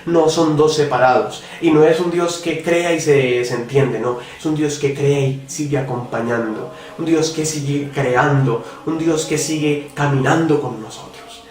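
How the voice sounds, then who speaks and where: A man preaching in a fairly high voice, earnest and conversational. He sounds a little off the mic, in a very echoey room with faint music underneath. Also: measured pace, few pauses, darkish tone, distant mic. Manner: earnest, conversational, addresses the listener directly with rhetorical questions. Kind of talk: spoken devotional reflection.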